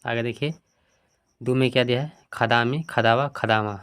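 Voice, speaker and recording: A man's voice: medium pitch, fairly even intonation, normal speed, fairly bright tone, clear, resonant tone. Man teaching a textbook lesson. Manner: asks questions then answers them himself; reads word forms out one by one.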